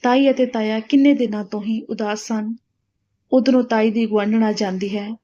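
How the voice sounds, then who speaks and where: A woman storyteller reading a story aloud in a plain, steady way. Her voice is fairly high and mellow. The recording sounds dull and lo-fi. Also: normal speed.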